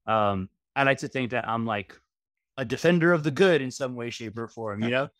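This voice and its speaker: Relaxed middle-aged man, dry sound. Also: medium pitch, moderate pace, dry recording. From Miami, USA. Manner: relaxed, rambling lists with frequent fillers. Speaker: guest, registered dietitian. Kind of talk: casual interview chat. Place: home room, video call. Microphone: headset.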